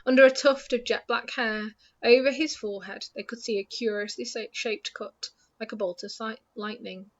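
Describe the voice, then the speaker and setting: A woman reading a storybook aloud in a steady, hushed way that softens at the ends of lines, in a dull lo-fi recording. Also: fairly high pitch, normal speed, few pauses.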